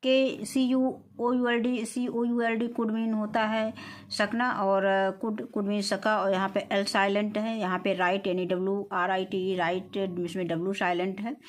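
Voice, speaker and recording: A woman's voice: mid-range voice, level tone. Hindi-speaking woman teaching English exercises. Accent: Indian English. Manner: reads English answers slowly, then explains in Hindi with filler "अ". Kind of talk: explaining textbook exercises.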